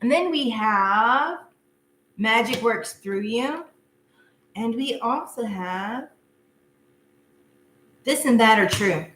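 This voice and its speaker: A woman's voice: a little high, animated, slow, pauses often, fairly bright tone. Chatty woman reading tarot live. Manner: chatty, casual, laughs often and talks to viewers. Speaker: tarot reader. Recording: echoey room with faint noise.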